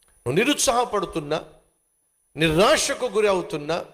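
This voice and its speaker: A man's voice: high-pitched, expressive, moderate pace, a bit bright. A male pastor preaching a sermon, with emphatic repetition and direct questions to the listeners.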